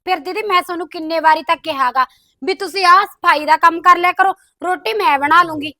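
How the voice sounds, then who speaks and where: A woman's voice: very high voice, brisk, bright, forceful tone, no echo, studio quality. A woman playing a defensive young sister-in-law who complains that she does all the housework. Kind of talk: comedy skit acting.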